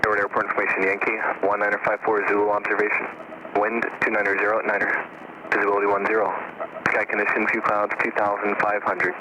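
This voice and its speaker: Low male voice for an automated airport weather broadcast, fast and monotone, heard through noisy cockpit radio. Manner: flat, rapid reading of numbers. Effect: automated airport weather broadcast over aircraft radio. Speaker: recorded airport information broadcast.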